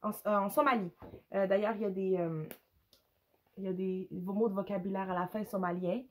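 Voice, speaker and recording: A woman with a Quebec French accent and a hoarse, gravelly voice, casually reviewing books in a hesitant, rambling way with English words slipped in. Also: medium pitch, steady tone, fairly quick. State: hoarse, with a cough. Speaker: book reviewer, mother. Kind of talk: casual unscripted review to camera.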